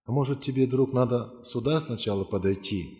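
A man's voice: mid-range voice, brisk, warm tone. A male preacher telling a conversion story in earnest, pleading tones and calling listeners forward to pray. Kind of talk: sermon with altar call. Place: church hall. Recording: long hall reverb.

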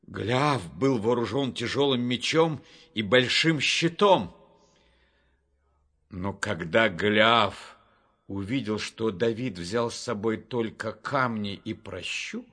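A man narrating a Bible story for a storybook reading in a measured, expressive way. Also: lowish voice, slightly rough. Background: faint music.

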